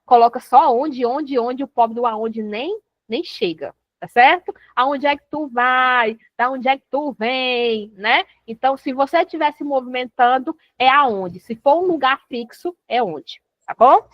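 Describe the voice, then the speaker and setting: A woman's voice: high voice, a little slow, no room sound. A woman teaches a grammar revision lesson in a chatty, informal way. She keeps checking in with her listeners as she explains. The sound is dry and a little dull. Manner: chatty, repeats "tá certo?" and "né?" often.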